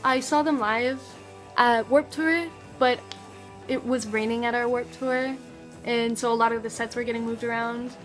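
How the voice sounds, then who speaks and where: A high-voiced teenage girl talks through her favorite things in a bubbly, slang-filled vlog. She chats casually and eagerly, as if speaking to friends. Soft music plays faintly behind her. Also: steady tone, moderate pace. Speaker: vlogger.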